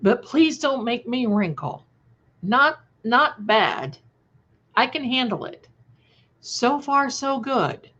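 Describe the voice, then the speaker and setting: Chatting live with her viewers, this livestream host in her sixties is warm and affectionate, sprinkling in endearments. She speaks slowly in an animated, fairly high, fairly bright voice, and the recording has its highs cut off.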